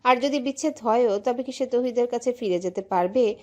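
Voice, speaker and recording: A woman's voice: fairly high pitch, brisk. Woman narrating a romantic audio story. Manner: emotive, steady storytelling.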